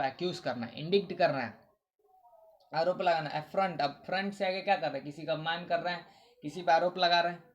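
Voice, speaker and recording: A man's voice: high-pitched, a little hiss or hum. Man, vocab teacher, repeats words, quizzes himself aloud. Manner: repetitive, asks questions then answers them. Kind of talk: casual Hindi vocabulary lesson.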